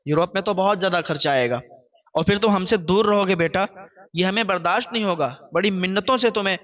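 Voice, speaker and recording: A man voicing a patient, elderly father who speaks softly and pleadingly to his son. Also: lo-fi sound. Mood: pleading, tender. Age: older. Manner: soft, pleading, low. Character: gentle old father, patient, tearful.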